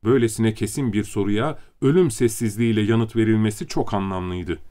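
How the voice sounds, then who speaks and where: A man's voice: on the low side, a little fast, dark tone. Man reading an audiobook aloud. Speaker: audiobook reader. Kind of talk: scripted narration.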